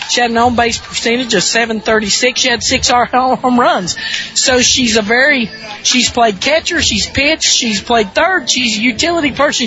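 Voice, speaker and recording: A woman with a Southern American accent and a weak voice, giving folksy, conversational pregame softball commentary as a sports broadcaster. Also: a little high, slight background noise. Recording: dull lo-fi radio broadcast sound.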